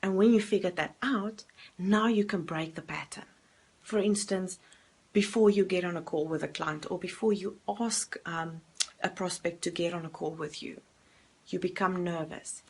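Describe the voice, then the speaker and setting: A coach whose first language is Afrikaans speaks straight to camera in a self-help video, earnest and direct, asking herself questions and answering them. Her voice is lowish, a little mellow, with a breathy edge.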